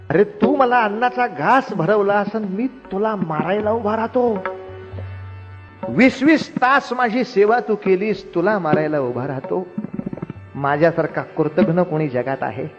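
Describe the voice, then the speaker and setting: Guy playing a sorry younger-brother warrior, pleading, echoey lo-fi hall. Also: on the high side. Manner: pleading, emotional storytelling. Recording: roomy hall, dull lo-fi, faint music.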